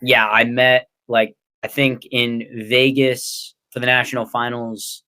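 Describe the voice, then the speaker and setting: A man's voice: medium pitch, level tone, measured pace, pushed and bright, clear, resonant tone. A young man with an American accent, answering casually as an interview guest in a hesitant, rambling way. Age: young adult. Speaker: interview guest, ninja athlete and coach.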